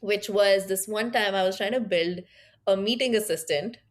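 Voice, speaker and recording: An Indian woman with an Indian accent and a mid-range voice is a guest in a conversational interview, where she works in tech as a product leader. She speaks thoughtfully at a moderate pace, with fillers and restarts.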